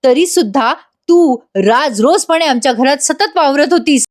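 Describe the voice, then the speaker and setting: A woman's voice: sits high, expressive, normal speed, pitched above the performer's own voice. A woman voicing a wounded mother and grandmother who speaks in a cold, accusing way.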